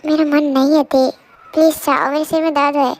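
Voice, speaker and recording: A distraught young husband in a fan-dubbed drama, voiced by a young woman. He sounds high and light for a man, and his lines come out pleading and halting with emotion. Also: little pitch movement, lightly acted. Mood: cold. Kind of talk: amateur fan dub drama.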